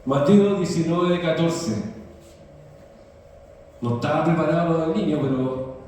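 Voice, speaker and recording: Male pastor, slow deliberate delivery, mellow tone, recorded from far off in a reverberant church hall. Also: fairly high pitch, a little hiss or hum. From Chile. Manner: asks the congregation for responses. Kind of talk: sermon.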